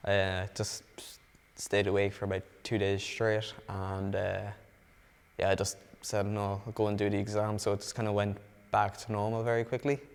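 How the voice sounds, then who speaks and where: A woman's voice: extremely low pitch, little pitch movement, normal speed, darkish tone, smooth, in a large hall. A nineteen-year-old woman speaking hesitantly in a documentary interview. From Ireland.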